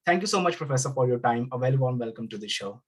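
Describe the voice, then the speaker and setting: A man hosts an interview, moving quickly through a formal scripted introduction. He asks his questions politely, at a brisk pace. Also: medium pitch, lively intonation. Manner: formal, polite, addresses guest as ma'am. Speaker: interview host, editor.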